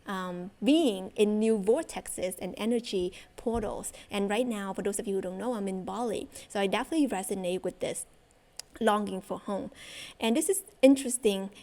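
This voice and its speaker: At a moderate pace and medium pitch, this young woman from Vietnam speaks in a slightly mellow voice. As a spiritual content creator, she chats eagerly with viewers about spirituality, with frequent filler words.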